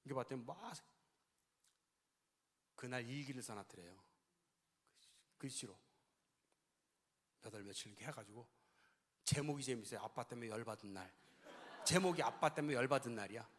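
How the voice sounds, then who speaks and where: A man's voice: mid-range voice, moderate pace, long pauses. Older man lecturing in an echoing church hall. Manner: animated storytelling, acting out dialogues. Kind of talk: sermon-style lecture. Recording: long church-hall reverb.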